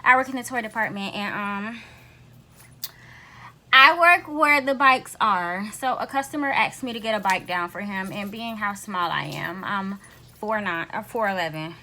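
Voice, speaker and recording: A woman's voice: medium pitch, normal speed, sharp tone. A young American woman chatting casually and candidly in a personal vlog, her articulation slightly impeded by braces. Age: young adult. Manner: informal, candid storytelling. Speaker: YouTube vlogger.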